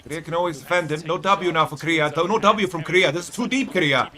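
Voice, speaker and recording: A man with a hoarse, worn voice reacts live to a tense esports match, talking to his chat and repeating his calls. His tone is bright and a little high for a man, and he keeps up a fast stream of loose reactions. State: hoarse from shouting. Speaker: costreamer. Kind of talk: excited live esports co-commentary.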